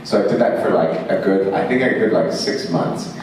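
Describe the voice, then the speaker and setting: A man from Zimbabwe with a very low voice tells rambling, self-mocking stories to a convention crowd. He laughs often and leans heavily on fillers. The sound is picked up from a distance and rings through a big, echoing hall. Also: normal speed, darkish tone, slight background noise. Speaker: actor answering fan questions on a panel. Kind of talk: convention Q&A storytelling. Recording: echoey hall, mic heard from afar.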